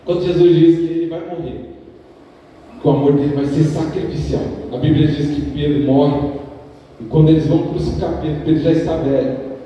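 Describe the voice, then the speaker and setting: A man preaching a sermon as an evangelist, addressing the congregation as brothers and swinging between high and low pitch. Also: steady tone, brisk, warm tone, dull audio, slight background noise. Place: church hall. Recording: echoey hall recording from far off.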